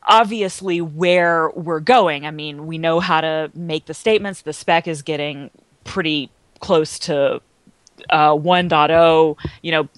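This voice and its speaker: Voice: medium pitch, fairly bright tone, no room sound. Playful hesitant podcast voice, dry. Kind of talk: casual chat.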